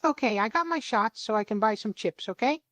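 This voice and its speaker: Synthetic woman voicing put-upon young man, whiny, complaining, high-pitched, dry close sound. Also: animated, brisk, fairly bright tone, dry recording. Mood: flustered. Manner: whiny, complaining, grudgingly obeys. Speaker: AI role-play partner.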